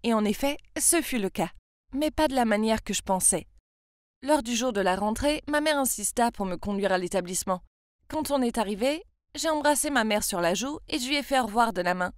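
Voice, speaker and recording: Young woman narrating, fairly high voice. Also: expressive, a little fast, no room sound, studio quality. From France. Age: 20s. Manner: confiding, chatty storytelling. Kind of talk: scripted first-person story narration.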